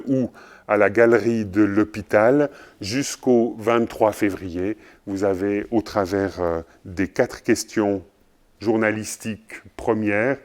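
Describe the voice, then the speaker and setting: A man teaching journalism in a recorded lecture, speaking in a measured way with frequent pauses and fillers. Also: on the low side, a little mellow. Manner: measured, often pausing with fillers. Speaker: journalism trainer.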